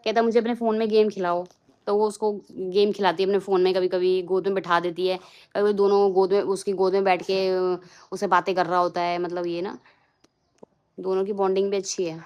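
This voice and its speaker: A young woman from Uttarakhand, India, vlogs casually at home indoors, now and then scolding her small son. Her medium-pitched voice is brisk and a little mellow, with little pitch movement.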